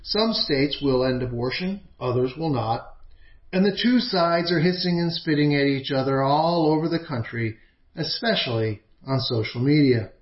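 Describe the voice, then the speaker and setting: A man's voice: on the high side, normal speed. Man preaching in an echoey room. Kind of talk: sermon. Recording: echoey room, slightly dull sound.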